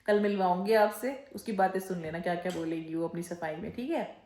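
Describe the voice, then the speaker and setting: A woman vlogging casually at home, telling a story with lively animation and mimicking the people she quotes, recorded on a handheld phone. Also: lowish voice, brisk. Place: room at home. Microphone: phone held in hand. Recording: echoey room on a phone.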